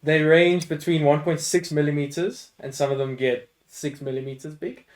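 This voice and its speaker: A man co-hosting a podcast in casual chat, calmly explaining facts from his prepared notes. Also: a little high, normal speed, slight background noise. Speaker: podcast co-host.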